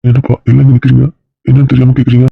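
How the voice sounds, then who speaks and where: A man voicing a worried older relative who has rushed in and keeps asking questions. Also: mid-range voice, monotone, creaky, no room sound, narrow, tinny audio. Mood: anxious. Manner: anxious, questioning. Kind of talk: amateur drama acting.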